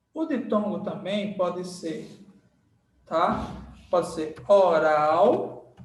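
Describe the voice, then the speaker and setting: A man teaches grammar at an unhurried, drawn-out pace, repeating words and stopping to ask "right?" His voice sits in the middle of the pitch range and sounds roomy and a little distant, as if recorded in an echoey room away from the mic. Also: a little mellow. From Brazil. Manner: slow, repeats words and checks in with "tá?" and "certo?". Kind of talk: recorded grammar lesson at a board.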